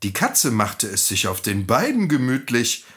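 A man reading a fairy tale aloud to children, in a gentle, expressive and friendly way. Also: mid-range voice, measured pace, breathy edge.

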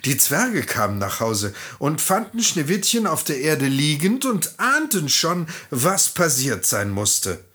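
A storyteller reading a fairy tale aloud in an expressive, lively way. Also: medium pitch, unhurried, few pauses, husky.

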